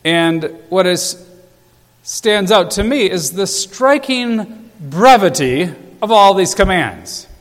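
A man's voice: sits high, animated, slow. A male pastor preaching a sermon in a church, emphatic and repeating phrases for stress. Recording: long church reverb.

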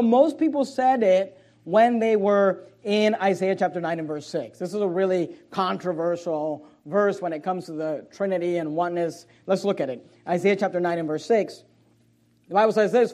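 Pastor guy preaching, really high voice, punchy and kinda sarcastic. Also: a little mellow. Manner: emphatic preaching with sarcasm and quick swings in volume. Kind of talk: sermon.

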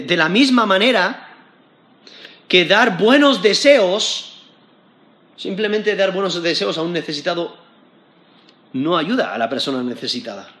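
A man preaching a sermon, teaching from scripture and rising to emphatic high points when he quotes it. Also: a bit bright, echoey room.

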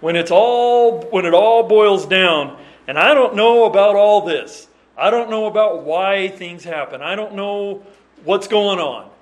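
A man's voice: high-pitched, measured pace. A man preaching a sermon, earnest and emphatic, reading scripture in old-fashioned wording and often restarting his phrases. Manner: restarts and repeats words while explaining.

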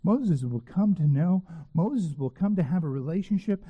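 A man preaching a sermon in a church sanctuary, earnest and emphatic, slowing down to repeat phrases with weight. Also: high voice, animated, phone-quality sound. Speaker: pastor. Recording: long reverb of a church hall.

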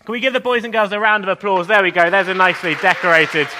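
A man's voice: high voice, steady tone, fast, a crowd in the background, noisy background. A man preaching an interactive children's talk in church, speaking directly to the children in an encouraging, questioning manner.

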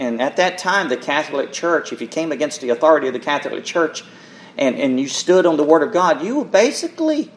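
Speaking on the high side, a man preaches a sermon and reads scripture earnestly and emphatically. He repeats words for weight and checks in with his listeners.

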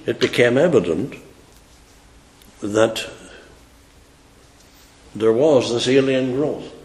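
Man, preacher, sermon, fiery emphatic delivery, slow, echoey church. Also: mid-range voice, a little mellow.

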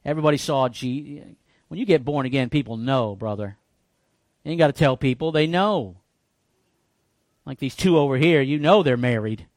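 A man preaching a sermon in church, folksy and joking, with animated bursts when he quotes people. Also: mid-range voice, moderate pace, pauses often, no echo, clean studio sound. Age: 50s. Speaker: pastor.

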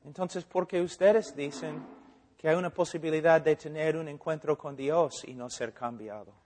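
A man preaching a sermon, animated, acting out dialogues and asking rhetorical questions. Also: on the high side, moderate pace. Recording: long hall reverb.

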